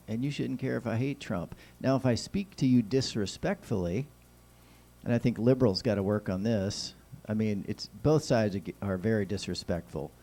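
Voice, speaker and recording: Low, mellow American man with whistling s. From Kansas City, United States. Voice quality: whistling s sounds. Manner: folksy, rambling, neighbourly. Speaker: host of a talk show. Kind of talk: casual solo political chat with light humour.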